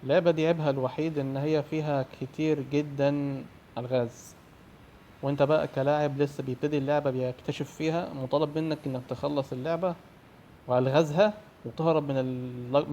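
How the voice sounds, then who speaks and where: Excitable Egyptian man narrating a horror game. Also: medium pitch, fast talker, muffled recording, slight background noise. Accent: Egyptian Arabic. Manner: excitable, shouts and swears when scared. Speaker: gamer.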